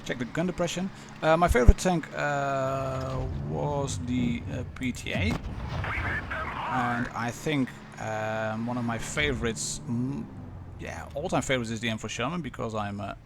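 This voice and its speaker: A Dutch man with a Dutch accent, casually commentating a live game stream with many pauses and restarts. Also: medium pitch, creaky, heavy background noise. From Netherlands.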